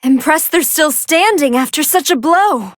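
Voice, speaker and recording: A woman's voice: high-pitched, animated, unhurried, no echo, clean studio sound. A woman voicing a brainy female android scientist who gives articulate, analytical commentary on battles in a video game. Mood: excited, amazed. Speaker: fight commentator.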